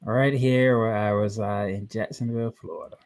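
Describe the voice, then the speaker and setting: An American man co-hosting a college football preview show, announcing matchups in an animated way. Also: on the low side, moderate pace. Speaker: sports show co-host.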